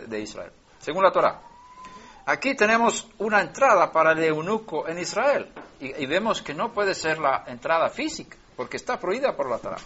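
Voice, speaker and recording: Man teaching scripture, slightly high voice. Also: sharp tone, breathy edge. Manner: rises in pitch and volume when stressing a verse; restarts and repeats words mid-phrase. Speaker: Bible teacher. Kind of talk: Bible teaching, verse by verse. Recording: lo-fi dull recording.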